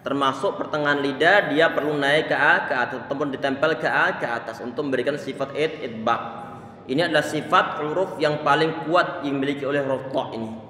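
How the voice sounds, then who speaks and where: A man giving a patient Quran recitation lesson, drilling pronunciation slowly and checking that listeners follow. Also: a little high, sharp tone. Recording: echoey room with long reverb.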